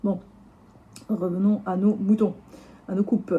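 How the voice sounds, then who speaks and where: A woman with a slightly hoarse voice, chatting casually through a tarot reading with lots of fillers and restarts. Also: medium pitch, normal speed, narrow, tinny audio. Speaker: tarot reader.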